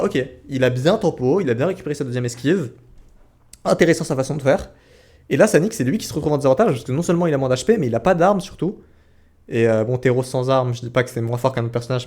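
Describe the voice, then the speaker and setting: A male esports caster with a mid-pitched voice gives live play-by-play of a game. He talks in casual slang, throws in exclamations and mutters words over and over when it gets tense. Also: a little mellow. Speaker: esports caster commentating a tournament stream.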